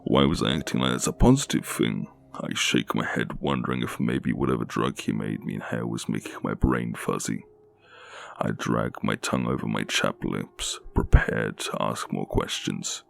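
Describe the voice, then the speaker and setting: A man with a low, haunting voice narrating a scripted scary story. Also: moderate pace, vocal fry, faint music behind.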